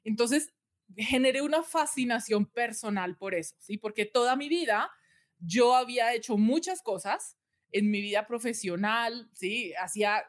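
Brief: woman, podcast guest, higher voice, earnest storyteller who keeps checking in with "¿sí?". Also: measured pace. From Colombia. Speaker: guest, communication and personal branding expert. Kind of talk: conversational podcast interview.

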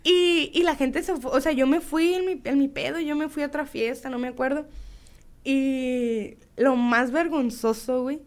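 A woman's voice: high-pitched, moderate pace. A young woman from Sinaloa, Mexico, with a Sinaloan Mexican Spanish accent, telling a story in casual, slangy chat and acting out the voices. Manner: animated, slangy, acts out voices in quotes.

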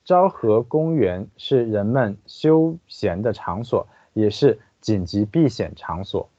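A man acting as a language teacher, translating sentences and explaining pronunciation slowly and deliberately. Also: fairly low pitch, lively intonation, dark tone, no room sound, muffled recording. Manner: slow, deliberate, careful explanations.

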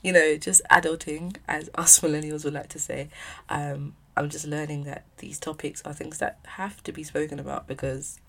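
A woman's voice: deep voice, steady tone, normal speed, gravelly, fairly bright tone. A woman in her mid-twenties with a South East London accent, chatting casually and candidly as a solo podcast host recording at home. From south-east London, England.

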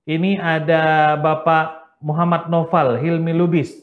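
Encouraging Indonesian host of a call-in lesson. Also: male voice, fairly high pitch, fairly even intonation, unhurried, reverberant, narrow, tinny audio. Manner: friendly and encouraging, gives gentle instructions. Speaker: program host. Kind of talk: live call-in show hosting.

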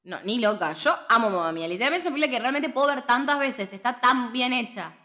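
Young woman, Rioplatense accent, slightly high voice, lively slangy storytelling, casual podcast chat. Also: fast. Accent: Rioplatense Spanish. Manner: animated storytelling with laughter, slangy. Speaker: podcast co-host.

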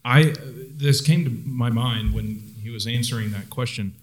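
A man talking casually as a podcast host, relaxed and rambling with lots of fillers. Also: medium pitch, a little slow. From Oklahoma. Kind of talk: casual chat.

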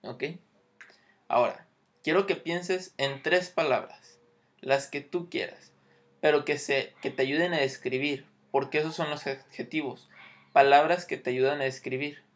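A man's voice: on the high side, steady tone, unhurried. A man teaching English grammar, explaining patiently and checking in often.

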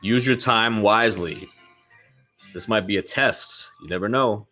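Faint music plays behind a man whose low, bright voice is unhurried but forceful. He hosts his own podcast in a rambling, casual way, swearing often and sounding a little nasal from a cold that hasn't quite cleared.

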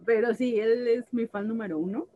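A woman's voice: on the high side, normal speed, narrow, tinny audio. A woman, a tattoo artist chatting casually and acting out conversations as she tells stories. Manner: animated storyteller, acts out dialogue, laughs often. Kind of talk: casual chat.

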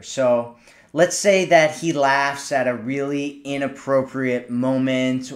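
A man hosting a podcast, giving relaxed dating advice straight to a female listener and often checking in with "right?". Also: medium pitch. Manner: speaks directly to a female listener. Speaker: podcast host, dating coach. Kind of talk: casual advice monologue.

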